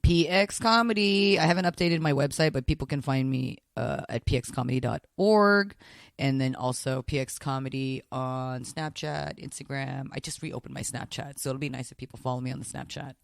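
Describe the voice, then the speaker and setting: A man's voice: medium pitch, normal speed, creaky. A man chatting casually as a podcast guest, talkative and repeating words as he goes. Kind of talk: casual chat.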